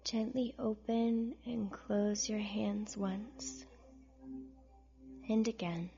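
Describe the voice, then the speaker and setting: A woman narrating a scripted guided relaxation in a soft, breathy near-whisper, with gentle, soothing instructions and pauses. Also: mid-range voice, steady tone, lo-fi sound. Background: soft music.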